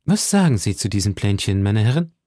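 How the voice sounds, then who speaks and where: A man voicing a gallant, poetic young musketeer who speaks in a measured, courtly way. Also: on the low side, sing-song, dark tone, dry recording, clean studio sound.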